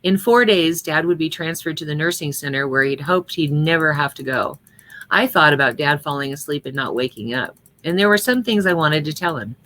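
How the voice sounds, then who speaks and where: A woman's voice: low-pitched, lively intonation, brisk, a bit bright. A middle-aged woman reading a personal story aloud at a memorial service, with earnest storytelling that lightly acts out the dialogue, then reflecting on it.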